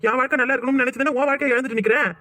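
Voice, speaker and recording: A man voicing a hot-headed young village husband in a cartoon who talks quickly and emotionally, pleading and apologizing. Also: very high-pitched, fairly even intonation, sharp tone, dry recording, studio quality. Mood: indignant. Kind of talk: cartoon voice acting.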